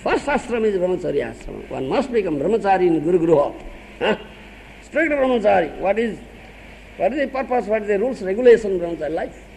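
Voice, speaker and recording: A man's voice: high-pitched, big pitch swings, fast, vocal fry, a little mellow, long reverb tail, a little hiss or hum, low-quality recording. An older man with an Odia accent, a spiritual teacher giving a sermon, laughing often and questioning his listeners.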